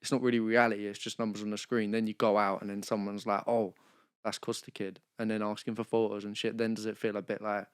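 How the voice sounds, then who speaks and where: A man's voice: lowish voice, little pitch movement, fast talker, hardly any pauses, smooth, no room sound, studio quality. A young man hosting a podcast, chatty and asking long, rambling questions. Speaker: podcast host. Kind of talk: casual interview.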